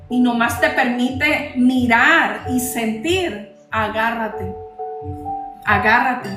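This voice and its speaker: A woman giving an emotional personal testimony to her audience, speaking slowly and repeating her phrases. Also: fairly high pitch. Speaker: host of a live talk. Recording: roomy sound with faint music.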